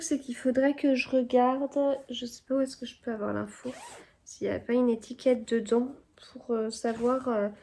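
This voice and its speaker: A woman talks casually to her camera at home, in a vlog. Her voice sits a little high. She hesitates often, with many fillers and restarts. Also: a little mellow. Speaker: vlogger. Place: home indoors.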